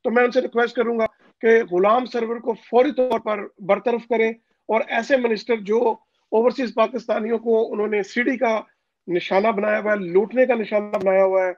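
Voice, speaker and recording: A high-pitched man from Pakistan talks over a phone call line as an interview guest. His voice comes through muffled and completely dry, with no room around it. He presses his points insistently, with frequent hesitant fillers. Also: fairly even intonation, normal speed, dry recording. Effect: voice heard over a phone call line. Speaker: interview guest, overseas community leader. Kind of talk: political interview.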